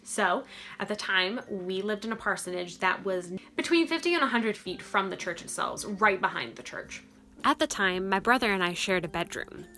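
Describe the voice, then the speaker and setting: A woman in her thirties telling spooky personal stories as a casual vlogger, with animated emphasis and dramatic pauses. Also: medium pitch. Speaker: storytelling vlogger.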